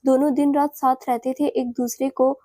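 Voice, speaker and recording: A woman narrating a romantic audio story in a steady, even storytelling manner. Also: sits high, moderate pace, no echo.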